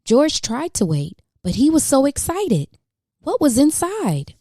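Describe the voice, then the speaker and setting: She's a storybook reader and channel host whose soft, mellow voice moves at a measured pace through a children's picture book. For the young audience she exaggerates questions and exclamations with swooping pitch, and the audio is close and dry, free of room sound.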